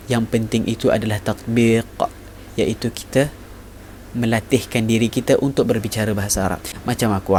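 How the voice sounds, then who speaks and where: A man's voice: medium pitch, a little hiss or hum. A man from Malaysia giving a casual lesson, repeating phrases for emphasis and reciting Arabic sayings. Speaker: vlogger teaching Arabic. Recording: loud music bed behind voice.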